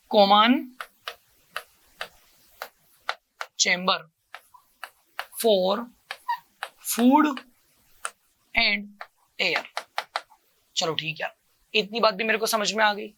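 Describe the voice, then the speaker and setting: A male coaching teacher giving a lecture. He asks each question, answers it himself in a lower voice, and repeats every term to drill it. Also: sharp tone. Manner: keeps calling the listener "beta" and repeats each term. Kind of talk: classroom lecture with call-and-response drilling.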